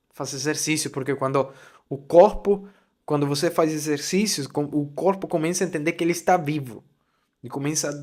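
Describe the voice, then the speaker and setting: A young man hosting a podcast, sharing an emotional faith testimony and practical advice, repeating key phrases for emphasis. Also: a little high. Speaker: podcast host.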